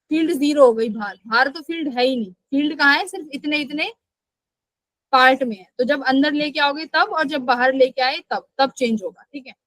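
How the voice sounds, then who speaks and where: A woman's voice: sits high, a bit bright, dry recording, low-quality recording. A woman teaching a live online physics class, asking questions and answering them herself, and scolding students who skip class.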